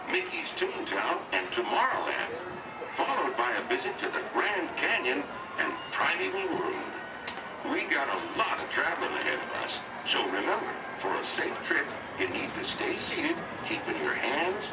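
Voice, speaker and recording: A man giving a folksy train station announcement as conductor, played over a loudspeaker on a moving park train. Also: a little high. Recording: distant loudspeaker over loud train noise.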